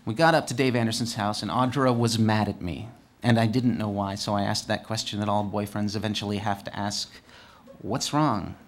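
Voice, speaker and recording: Guy telling a story to a crowd, super animated, goes big then quiet, trips over his words a lot. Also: a little fast. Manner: animated, swings between excited highs and hushed lows; stumbles and repeats words. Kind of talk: first-person storytelling monologue.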